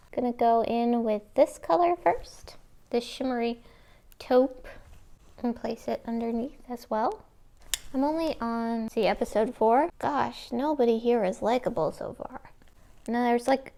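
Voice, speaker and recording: A woman's voice: a little high, a little mellow. A woman chatting casually through a makeup tutorial in a rambling, informal, self-deprecating way. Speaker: makeup vlogger. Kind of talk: casual chat while doing a makeup tutorial.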